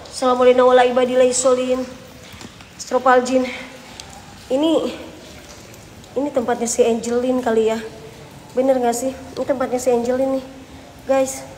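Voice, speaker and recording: High-voiced nervous young woman, echoey house. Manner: nervous, muttering quick prayers and exclamations; chatty slang with viewers. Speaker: ghost-hunting live streamer. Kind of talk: live-stream haunted house exploration. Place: abandoned house, indoors. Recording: echoey, reverberant empty building, faint noise.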